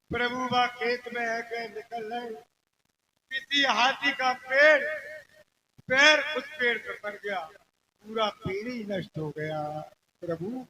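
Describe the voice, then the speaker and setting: Man doing a wailing rustic farmer, high bright voice, slow drawn-out comic complaining, folk stage play. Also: a little hiss or hum, exaggerated voice, low-quality recording. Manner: whiny, exaggerated comic complaining. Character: weeping rustic village farmer, comic and simple.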